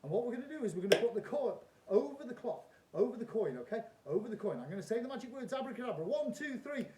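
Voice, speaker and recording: A man works as a children's party magician, with theatrical patter that swings up and down in pitch. His voice is on the mellow side, and he repeats phrases like a showman. The room adds clear echo. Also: very animated, quick pace, far from the mic. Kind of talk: kids party magician patter, addressing an audience. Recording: roomy echo, faint rumbling noise.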